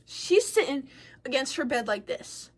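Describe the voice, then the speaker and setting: A woman's voice: sits high, a little slow. A young woman casually telling a personal story to camera, frank and swearing freely, with lots of filler words. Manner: animated, shifting loudness as she tells it. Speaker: vlogger.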